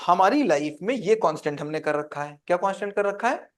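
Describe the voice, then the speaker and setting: Man, high voice, teacher, interactive lecture, asks the class questions. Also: animated, a little fast. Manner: quizzes the class with call-and-response questions.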